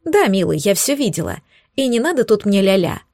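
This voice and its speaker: A woman voicing a sharp-tongued young witch who is a duchess, blunt and sarcastic. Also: medium pitch, very animated, a little fast, no room sound, studio quality. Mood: sharp, teasing.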